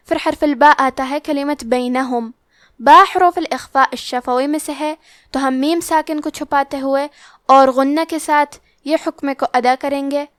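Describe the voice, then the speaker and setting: A high-pitched woman with a Pakistani Urdu accent gives a tajweed lesson. She explains each rule in a calm, measured way, then draws the recited words out slowly. The recording is dry and close, with no room sound. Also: no echo. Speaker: Quran recitation teacher.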